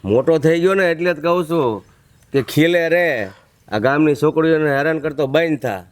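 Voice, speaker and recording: A man's voice: fairly high pitch, normal speed, lightly acted. An actor playing a stern aging village headman who scolds his wayward son in a village family drama. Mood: scolding.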